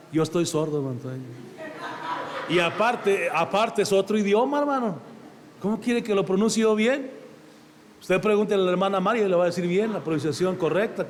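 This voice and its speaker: In a church, a high-voiced pastor with a Mexican accent preaches conversationally, often addressing the congregation as "brother." His voice trails off in a long reverb, with a faint hiss or hum underneath.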